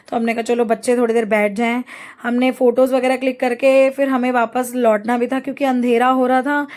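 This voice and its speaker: A middle-aged woman narrating a family travel vlog in a chatty, rambling way, pausing to find words. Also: on the high side, a little mellow. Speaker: travel vlogger.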